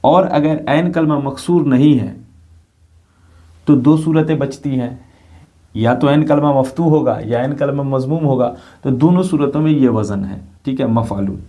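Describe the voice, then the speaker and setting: A man's voice: mid-range voice, a little slow, dark tone. A man teaching an Arabic grammar lesson, patiently repeating points and asking his students if they follow. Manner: patient, repeats points, often asks rhetorical check questions. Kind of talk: classroom lecture explaining grammar.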